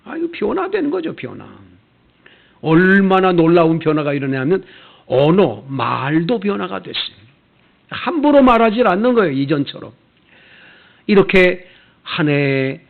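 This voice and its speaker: A middle-aged male pastor preaches in a fairly high, very lively voice with a gravelly edge. He tells a story in his sermon and voices the people in it. The sound is thin and tinny, like a phone line. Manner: storytelling with acted quotes.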